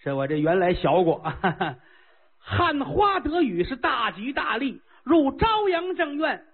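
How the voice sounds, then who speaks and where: A man doing a sly, unhurried old chancellor. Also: extremely high pitch, big pitch swings, voice pushed up, exaggerated voice. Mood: calm, sly. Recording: tinny lo-fi phone-like sound.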